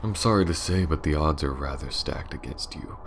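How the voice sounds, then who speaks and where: A man voicing a smug, menacing aristocratic vampire lord in an ASMR roleplay, gravelly and breathy, often sinking to a whisper, with a pompous, taunting drawl. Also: extremely low pitch, fairly quick, slight background noise.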